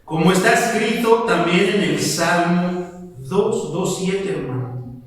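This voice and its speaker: A high-voiced man preaches an expository Bible sermon, reading the verses slowly and questioning his listeners as he goes. He is recorded from far off in a church sanctuary with heavy echo and a long reverb tail. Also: a little hiss or hum. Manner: reads verses slowly, asks the congregation questions. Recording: echoey church hall from far off.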